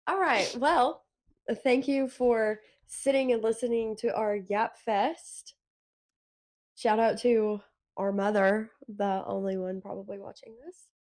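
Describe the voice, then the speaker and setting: A woman's voice: on the high side, slow pace, a little mellow. A young woman co-hosting a podcast, chatting casually and teasing her sister with dry banter. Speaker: podcast co-host. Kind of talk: casual chat.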